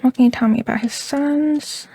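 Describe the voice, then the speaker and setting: A woman with a higher-pitched yet mellow voice talks her way casually through a video game, reading dialogue aloud. Her speech has some fry in it, and the sound is dry with faint music behind. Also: fairly even intonation, moderate pace, dry recording.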